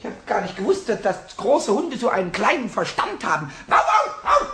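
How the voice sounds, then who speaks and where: Squeaky, excitable little kobold, Pumuckl. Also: male voice, moderate pace. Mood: excited, coaxing. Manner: stammering, repeating words, exclaiming and giggling. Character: cheeky, excitable little male kobold, mischievous and childish. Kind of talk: German children's radio play acting. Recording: faintly noisy old cassette transfer.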